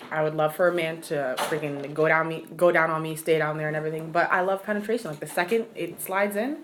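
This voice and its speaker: A woman speaking candidly on a casual podcast, blunt and unfiltered, with plenty of "like" in her speech. Her voice sits on the lower side for a woman. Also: fairly even intonation, fast talker, slight background noise.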